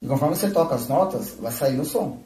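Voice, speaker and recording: A man's voice: mid-range voice, animated, brisk, background noise. Man teaching flute in a roomy room. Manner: explains, often checking with "né?" and "tá?". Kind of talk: live-streamed music lesson. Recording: roomy, from a distance.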